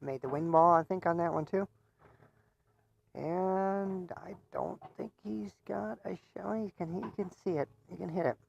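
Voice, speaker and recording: A man's voice: high voice, unhurried, vocal fry, highs cut off, a little hiss or hum. A man giving casual live commentary on a pool match. He chats, laughs often, and stumbles over repeated words.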